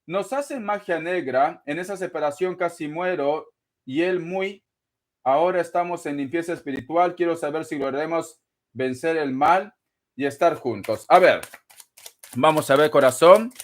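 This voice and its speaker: A man with a notably high-pitched voice hosts a tarot live stream, chatting with viewers as he reads their donations. He is playful, gossipy and campy, teasing people and calling them darling. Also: normal speed. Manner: gossipy and teasing, laughs often. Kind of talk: casual live-stream chat reading donations.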